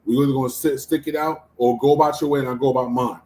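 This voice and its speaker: A man's voice: mid-range voice, steady tone, fast talker, dark tone, rough recording. Insistent man in his forties holding the floor. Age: 40s. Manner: holds the floor, stammers restarts, hold up. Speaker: podcast co-host. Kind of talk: casual group debate.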